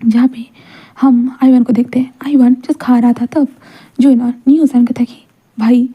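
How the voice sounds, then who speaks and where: A woman's voice: sits high, little pitch movement, normal speed, husky, muffled recording. A woman storyteller casually narrating a story, retelling scenes loosely with fillers.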